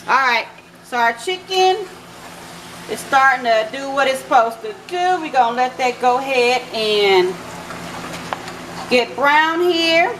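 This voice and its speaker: A woman's voice: high-pitched, animated, slow pace, long pauses, fairly bright tone. Chatty woman cooking in echoey kitchen. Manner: chatty, talks to viewers as "y'all" and "baby". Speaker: cooking channel host. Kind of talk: casual cooking vlog narration. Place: home kitchen. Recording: echoey kitchen with background noise.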